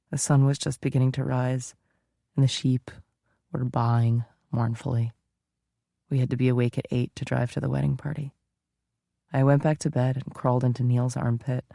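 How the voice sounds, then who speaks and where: A man's voice: medium pitch, creaky, warm tone, no echo. A man narrating a first-person audiobook in an intimate, confessional manner, close to the mic.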